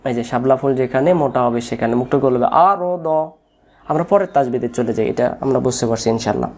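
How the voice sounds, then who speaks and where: A man with a Bangladeshi Bengali accent teaching Quran recitation, slowly repeating each letter sound for learners to copy. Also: mid-range voice, dark tone. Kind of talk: tajweed lesson.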